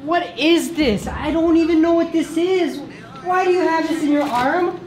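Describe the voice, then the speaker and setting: A man's voice: very high-pitched, moderate pace, a little mellow, faint music behind. A young man playing a flustered, exasperated guy who stammers and gets fed up. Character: flustered young man pushed too far. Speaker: flustered actor in an improvised film. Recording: noisy background.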